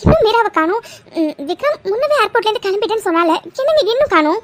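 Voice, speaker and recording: A woman's voice: extremely high pitch, very animated, fast talker, no room sound, pitched above the performer's own voice. A woman voicing an emotional, easily tearful middle-aged mother in a cartoon. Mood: impatient.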